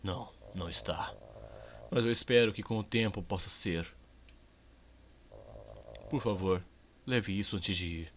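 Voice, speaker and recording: A Brazilian man voicing a remorseful middle-aged father who is a busy businessman, speaking slowly, softly and low. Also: slight background noise. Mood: remorseful, gentle. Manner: slow, soft and low, apologetic.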